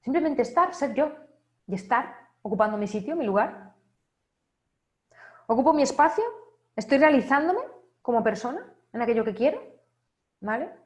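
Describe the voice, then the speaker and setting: At an online wellness congress, a woman with a fairly high pitch gives an animated motivational talk in an echoey room. She asks many rhetorical questions and often checks in with a quick "right?" or "¿vale?".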